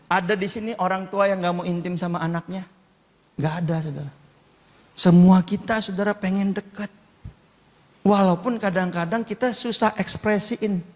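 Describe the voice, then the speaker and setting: A middle-aged man delivers a sermon in an animated, chatty way and keeps addressing the congregation directly. His voice sits fairly high. It rings with the long reverb of a big hall. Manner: lively, chatty preaching with frequent asides to the congregation. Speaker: pastor. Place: church hall.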